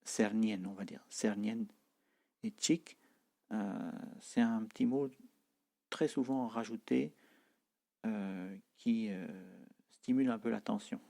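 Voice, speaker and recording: A man teaching a language lesson, explaining slowly with many hesitations and repeating example phrases. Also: on the low side, gravelly, mellow.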